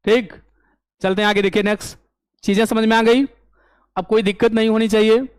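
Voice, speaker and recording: A man teaching an English grammar lesson for an exam, explaining step by step and often asking if it is clear. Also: sits high, little pitch movement, a little fast, no echo. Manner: explains step by step, keeps asking "clear?" and answering his own questions.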